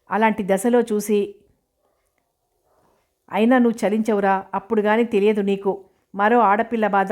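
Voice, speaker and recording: A woman reading the lines of an angry young woman teacher, delivering sharp scolding retorts. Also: mid-range voice, lightly acted.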